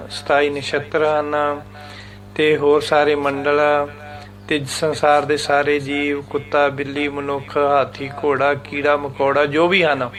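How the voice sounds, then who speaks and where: A man with a Punjabi accent teaching scripture, reciting each line slowly and then breaking down its pronunciation and meaning patiently. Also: on the high side, fairly bright tone. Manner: slow, patient explaining, chants lines then repeats them syllable by syllable. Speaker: Gurbani teacher. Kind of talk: religious scripture lesson.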